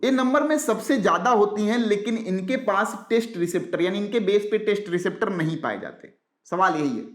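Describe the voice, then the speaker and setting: A man with a noticeably high-pitched voice delivers an exam-prep biology lecture, posing quick rhetorical questions and answering them himself. He repeats key terms slowly and drops English science vocabulary into his speech. The sound is roomy, with a clear echo off the walls. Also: animated. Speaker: biology teacher.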